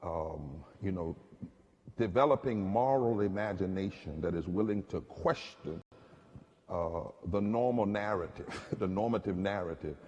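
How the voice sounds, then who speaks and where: A man's voice: low voice, a little slow, a little mellow, dull audio. A man, an activist preacher, telling stories with a preacherly cadence in a public conversation. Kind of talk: impassioned storytelling in a public conversation. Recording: long reverb of a large hall.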